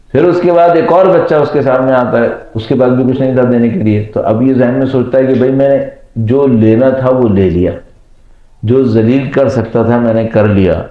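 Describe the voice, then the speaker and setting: A man, a cleric, delivers a night sermon and acts out the people in his anecdotes. He speaks at an ordinary middle pitch. The recording is slightly muffled and echoes around a hall. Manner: tells parables with acted voices of children and managers. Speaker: Shia cleric. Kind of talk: sermon with storytelling. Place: religious gathering at night.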